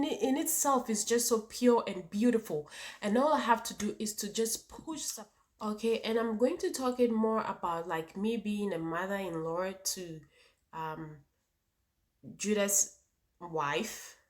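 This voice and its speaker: A woman's voice: mid-range voice, a little mellow. Emphatic Ghanaian woman vlogger. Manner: emphatic, with repetition and rhetorical questions. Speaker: vlogger and channel host. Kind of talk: opinionated personal talk to viewers.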